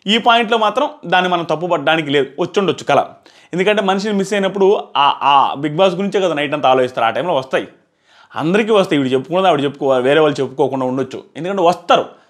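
Speaking rapid-fire in a high-ish, animated voice, a reality show reviewer gives a casual review to camera, explaining and repeating points for emphasis. He's in a small, plain indoor room and wears a clip-on lapel mic.

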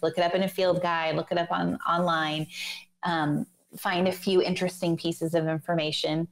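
A woman in her forties speaking as a guest author over a video call with earbuds, enthusiastic and explaining with many fillers. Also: sits low. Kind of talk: casual interview chat. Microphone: earbud headset on video call.

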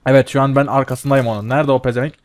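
A young man commentating a team game with a friend, excitable, laughing and swearing often. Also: mid-range voice, racing, no echo. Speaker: gaming channel host. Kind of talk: casual gameplay commentary.

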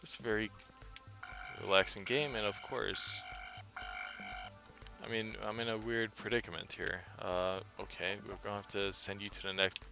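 Tired, gravelly-voiced man rambling over gameplay. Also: lowish voice, moderate pace, music in the background. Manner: tired, monotone, rambling with many fillers. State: tired after a day's work. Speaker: gameplay commentator. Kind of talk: casual gameplay commentary.

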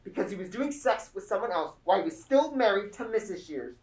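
A young woman acting a literal-minded teenage boy on stage, speaking flatly and matter-of-factly. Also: medium pitch, a little fast, close to an everyday voice, low-quality recording. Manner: flat, literal, matter-of-fact.

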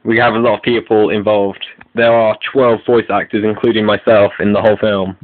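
Speaking a little fast in a fairly low, level voice, this video creator reads out scripted announcements as host of an online update. There's no echo, though the sound is thin and phone-like.

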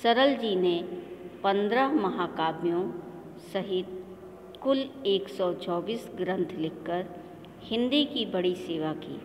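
Woman teacher going over a poem for kids, very slow, roomy echo with faint background hum. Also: medium pitch, lively intonation, a little mellow. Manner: slow, deliberate, explaining word meanings to children. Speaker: school teacher. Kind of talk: Hindi class lesson, reciting a poem. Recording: echoey room with faint ambience.

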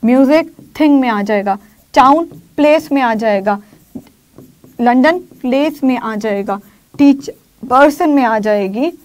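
A woman teaches English grammar in Hindi, speaking English example sentences slowly, repeating key phrases and regularly checking in with her students. Her voice sits high and is a little mellow.

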